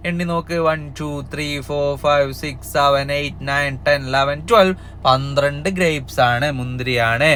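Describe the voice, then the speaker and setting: A man's voice: a little high, drawn-out words, fairly bright tone, a little hiss or hum. A man teaching young children in a cheerful, coaxing way, asking them lots of questions as he goes through an exam paper. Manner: cheerful, coaxing, asks kids many questions. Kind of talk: upbeat exam-prep lesson for young children.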